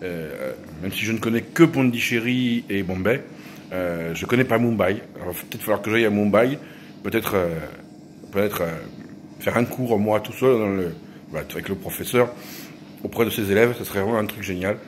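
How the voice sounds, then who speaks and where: A man talks to his followers in a loose, joking vlog monologue. His voice sits low, and he keeps trailing off and restarting his sentences. A faint hiss of noise runs underneath. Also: moderate pace. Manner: rambling and joking, with many restarts. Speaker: YouTuber.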